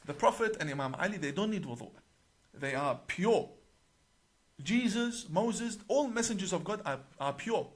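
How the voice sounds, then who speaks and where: A man with a somewhat high-pitched voice delivers an explanatory talk straight to camera. His manner is deliberate and emphatic as he works through his sources page by page, stressing key points. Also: expressive, breathy edge. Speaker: religious cleric.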